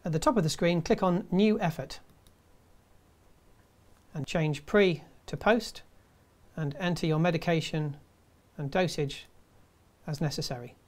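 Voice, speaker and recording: A man in his fifties presenting a scripted tutorial in a measured, step-by-step way. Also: fairly high pitch, a little mellow. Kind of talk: scripted instructional narration.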